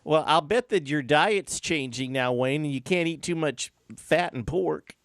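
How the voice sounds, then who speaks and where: A man's voice: fairly high pitch, a little slow, fairly bright tone, no echo, clean studio sound. A man hosting a chatty, informal interview, talking familiarly to his guest. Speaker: interview host. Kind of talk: casual chatty radio interview.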